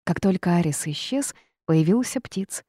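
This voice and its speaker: A woman narrates an audiobook in the first person, her voice low, mellow, and slightly rough. She reads expressively at a moderate pace, and the recording is dry with clean studio sound.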